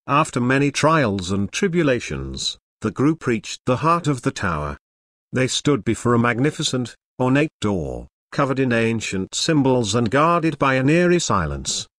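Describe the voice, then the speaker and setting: Male storyteller, mid-pitched, dry close sound, even and measured reading. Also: no echo. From England, Lancashire. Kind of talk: scripted story narration.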